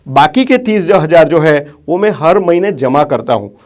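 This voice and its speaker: A man's voice: fairly high pitch, animated, normal speed, a little mellow. A man working as a financial life planner, telling viewers a story in a chatty style, dropping English phrases into his talk. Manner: conversational, mixes English phrases into Hindi.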